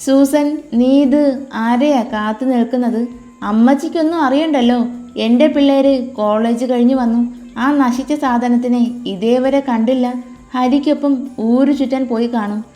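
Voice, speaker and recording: A woman's voice: a little high, steady tone, soft background music, lightly acted. A woman doing a harsh scolding aunt. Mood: scornful. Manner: loud, slow, contemptuous.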